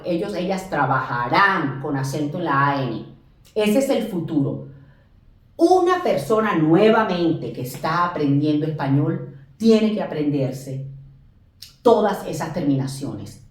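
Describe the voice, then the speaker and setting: Lively woman teaching in an echoey room. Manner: repeats and drills examples slowly, stressing English words higher. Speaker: English teacher. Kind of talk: classroom lesson explanation. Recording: echoey room, distant mic.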